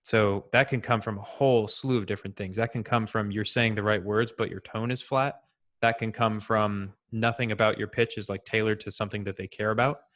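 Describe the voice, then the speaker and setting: A man with a fairly low voice talks shop in easy, loose conversation. He rambles comfortably, peppering his sentences with fillers as he explains how he handled tough calls. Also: a little fast. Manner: relaxed, chatty, many "like" fillers. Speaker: former sales rep sharing advice. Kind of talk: casual group call.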